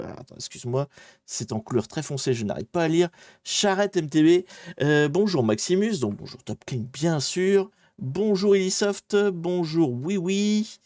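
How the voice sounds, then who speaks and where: A man's voice: medium pitch, darkish tone, no room sound, clean studio sound. A man hosting a live stream, explaining a security exercise in a jokey, chatty way and greeting his viewers. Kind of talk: casual live-stream tutorial.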